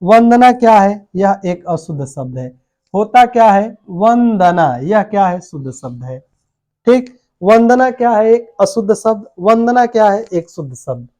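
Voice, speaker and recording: Male coaching-class teacher with a high voice who quizzes and answers himself and spells words out slowly. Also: big pitch swings, dark tone. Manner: asks a question, then answers it in a falling voice. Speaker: Hindi teacher. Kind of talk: exam coaching lesson.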